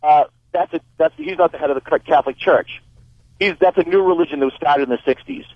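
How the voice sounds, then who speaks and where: Male phone-in caller, 30s, insistent and halting, slightly high voice, muffled dry lo-fi line. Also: dry recording. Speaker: radio show caller. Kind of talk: argumentative phone-in call. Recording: dull lo-fi phone-in call.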